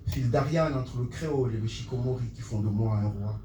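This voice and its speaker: Distant slam poet declaiming in a roomy hall. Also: male voice, medium pitch, brisk. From Comoros. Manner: rhythmic declaiming, half-sung refrains, rising to shouts. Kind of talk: slam poetry performance on stage. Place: small Paris theatre with live audience. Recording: roomy, distant, noisy live room.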